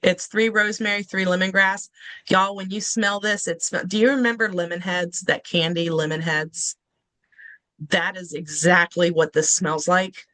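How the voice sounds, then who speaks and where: A host chatting casually with viewers, explaining things and addressing them directly. The voice sits at a middle pitch. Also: fairly even intonation, moderate pace, pushed and bright, poor audio. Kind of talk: casual live chat.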